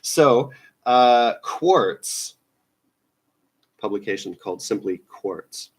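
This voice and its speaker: A man's voice: fairly low pitch, lively intonation, slow, husky. Rambling man reading the news. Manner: rambling, offhand, many fillers and restarts. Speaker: news show host. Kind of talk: casual news roundup commentary.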